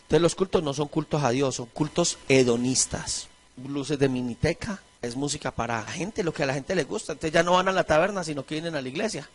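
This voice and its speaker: A middle-aged man with a Colombian accent preaching a sermon as pastor, animated, acting out the voices of churchgoers and disciples. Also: fairly high pitch, fairly quick. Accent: Colombian Spanish.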